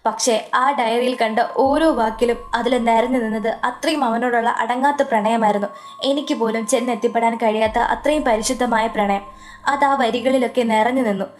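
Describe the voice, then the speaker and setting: A woman narrating a first-person story in an earnest, emotional way. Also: a little high. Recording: soft background music.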